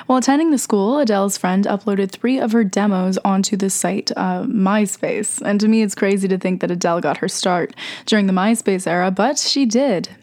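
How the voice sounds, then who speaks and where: A woman's voice: medium pitch, moderate pace, a little mellow. Stuffy-nosed young woman radio host, sore throat. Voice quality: slightly congested, stuffed-up nasal sound. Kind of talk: scripted music commentary narration.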